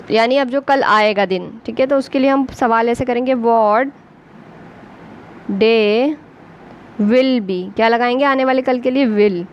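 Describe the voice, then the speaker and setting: A woman with an Urdu accent teaches basic English at a slow, careful pace, spelling words letter by letter. Her voice sits slightly high. The lo-fi recording is dull, with faint passing traffic behind her. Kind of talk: basic English lesson for beginners.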